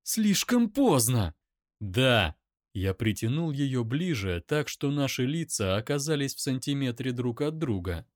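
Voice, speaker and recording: Male audiobook narrator, first-person dramatic reading, lively intonation, dry close mic. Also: mid-range voice, moderate pace, few pauses, no room sound.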